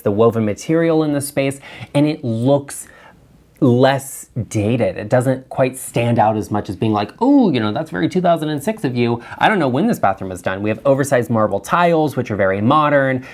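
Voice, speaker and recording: A man hosting a design video, chatting frankly and with strong opinions about bathrooms he is looking at. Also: medium pitch. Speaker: interior designer and channel host. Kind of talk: casual design commentary.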